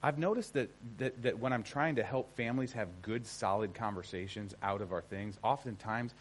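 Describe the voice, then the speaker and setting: With a voice on the low side and a moderate pace, an American man leads an informal seminar lecture, conversational and emphatic, frequently checking in with the audience. A little hiss or hum can be heard in the recording.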